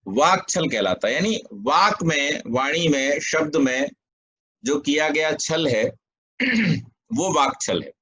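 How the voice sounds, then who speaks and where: A man teaching a philosophy text, chanting verses slowly and then explaining them with everyday examples. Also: a little high, lively intonation, bright, forceful tone, slightly rough, highs cut off. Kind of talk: scripture lesson, reciting sutras and explaining.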